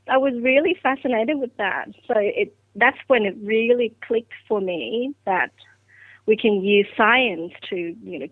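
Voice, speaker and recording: A woman's voice: mid-range voice, no echo. A middle-aged woman from Vietnam, whose first language is Vietnamese, recalls her path into science in a podcast interview, reflective and full of fillers and restarts. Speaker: guest scientist. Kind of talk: podcast interview, personal story. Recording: dry, phone-like line.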